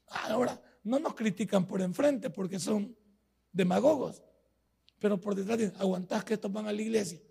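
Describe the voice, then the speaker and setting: Gravelly high-voiced Salvadoran pastor. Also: male voice, a little mellow. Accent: Salvadoran Spanish. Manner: folksy preaching with everyday anecdotes. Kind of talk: sermon.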